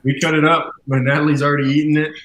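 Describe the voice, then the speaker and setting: A man's voice: a little high, flat delivery, very fast, fairly bright tone. A man chatting casually as a guest, rambling with fillers. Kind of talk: casual chat.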